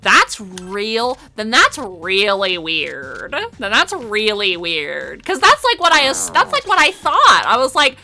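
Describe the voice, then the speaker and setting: A woman giving casual let's play commentary as a video game streamer, excitable and prone to sudden shrieks and shouts. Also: medium pitch, takes it slowly, hardly any pauses, soft background music.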